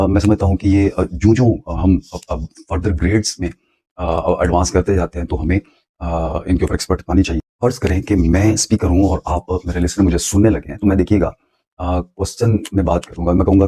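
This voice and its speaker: A man's voice: low-pitched, warm tone, husky. A man teaching English grammar in a patient, explanatory lecture, repeating points for emphasis.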